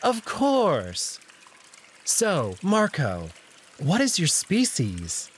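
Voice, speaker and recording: Drawn out extremely slowly and heavily acted, the jackal noble's slightly high, very animated voice probes with mock politeness. The male actor keeps him smooth and taunting, with trickling water and faint noise behind this visual novel line.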